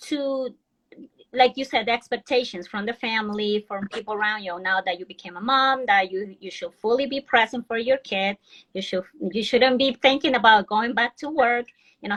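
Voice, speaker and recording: On a rough recording, a woman with a fairly high, slightly bright voice speaks earnestly as a video-call guest in a casual live-stream interview. She's a financial advisor from Ecuador who keeps restarting her sentences.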